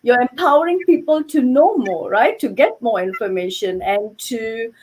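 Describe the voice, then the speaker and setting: A woman's voice: fairly high pitch, normal speed, darkish tone, husky, rough recording. A middle-aged woman from Malaysia, a guest on a video-call interview, talking earnestly with many asides, heard through a headset mic. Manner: earnest, many "you know" and "okay" asides. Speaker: guest, yarn dyer. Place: home room with yarn shelves.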